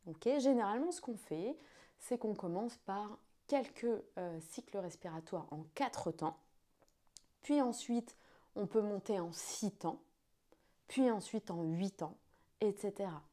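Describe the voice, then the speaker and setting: A woman's voice: mid-range voice, animated, unhurried, warm tone. A woman speaking as a yoga teacher, giving an instructional explanation to students.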